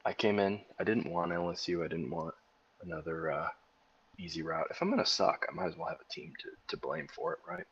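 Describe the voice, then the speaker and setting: A man's voice: sits low, a little fast, hardly any pauses, breathy edge, lo-fi sound. A tired-sounding man co-hosting a casual livestream, joking and sarcastic. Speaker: co-host.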